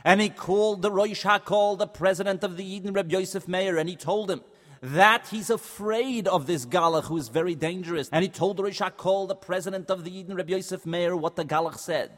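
Male children's storyteller, high voice, expressive and dramatic, long reverb. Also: a little fast. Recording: long hall reverb, faint music.

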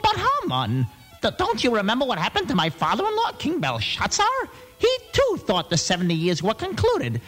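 A man's voice: a bit bright, heavily acted. An actor voicing an anxious, easily frightened male king who frets and stammers. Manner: fretful, stammering, shrill.

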